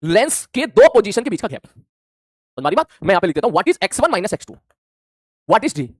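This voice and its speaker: A male physics teacher speaking fast. His voice swings up and down a lot. It sounds dry and close, no room echo, and he acts out student replies as he explains. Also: sits high, slightly rough. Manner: animated, plays out imagined student replies. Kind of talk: classroom lecture.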